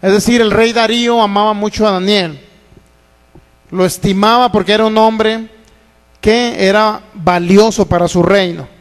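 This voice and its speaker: A man from Mexico preaches a sermon in a high, light voice, often putting questions to his congregation and answering them himself. His voice rings out with the long reverb of a church hall. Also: fairly even intonation, normal speed. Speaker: pastor. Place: church sanctuary.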